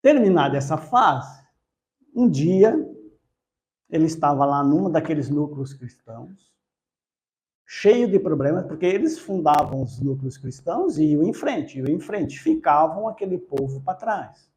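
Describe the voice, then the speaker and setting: Slow-talking man retelling a story. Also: a little high, lively intonation, darkish tone. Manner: unhurried storytelling with self-corrections. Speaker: spiritist study speaker. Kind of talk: storytelling religious talk.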